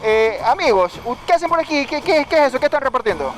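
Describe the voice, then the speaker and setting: High-voiced man interviewing. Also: big pitch swings, poor audio. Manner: quick questions with repeated words. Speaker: street reporter. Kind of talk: street interview. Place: outdoors on a city street. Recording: music under street interview.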